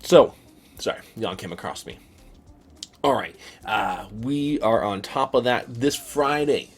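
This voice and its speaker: A man's voice: medium pitch, lively intonation, measured pace, soft background music. A young man talking casually in a vlog, rambling and repeating words with many fillers. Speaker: vlogger.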